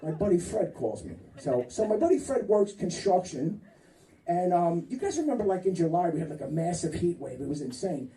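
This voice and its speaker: A man's voice: high-pitched, big pitch swings, a little fast, reverberant. A man in his fifties doing a rambling, profane stand-up routine on a comedy club stage, cutting off hecklers as he goes. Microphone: handheld stage mic. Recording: distant mic, loud crowd laughter.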